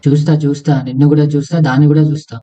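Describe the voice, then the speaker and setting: A man's voice: a little high, little pitch movement, racing, muffled recording, over music. A man voicing crude, rowdy banter between friends in a comic cartoon. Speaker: cartoon comedy voice artist.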